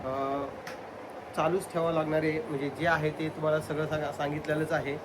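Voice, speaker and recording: A man's voice: on the high side, flat delivery, a little fast, noisy background. A man chatting casually with viewers as a family vlogger. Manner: chatty, talks straight to viewers. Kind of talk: casual family vlog chat.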